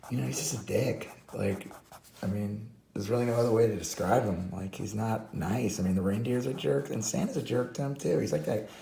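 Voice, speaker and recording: A hoarse man casually commenting while he draws, rambling with many fillers and restarts. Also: fairly low pitch, fairly quick, warm tone, roomy sound, slight background noise. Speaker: host.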